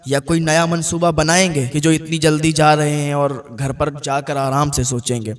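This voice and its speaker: A man's voice: a little high, little pitch movement, distant mic, natural voice. A man voicing a loyal bandit who speaks plainly and deferentially to his chief. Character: loyal adult male bandit, the chief's right hand.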